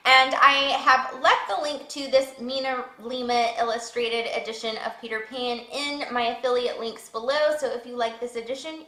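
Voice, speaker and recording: A young woman reading a book excerpt aloud and hosting her own video, with an expressive, animated delivery. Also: high voice. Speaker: book reader and video host. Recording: echoey room.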